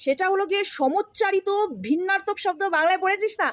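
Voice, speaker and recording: A woman teaches in a relaxed, familiar way and keeps stopping to check that her learners follow. Her voice sits very high. The recording is close and dry, with no room sound. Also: fast, no room sound. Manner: familiar, addresses learners directly with frequent checks. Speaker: spoken English teacher. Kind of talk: casual explanatory lesson.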